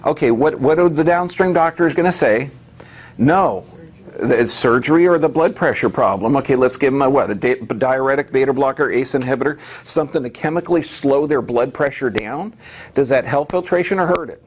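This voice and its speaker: A man's voice: medium pitch, fairly quick, husky. A man giving an emphatic health lecture to a live audience, firing off rhetorical questions and answering them himself.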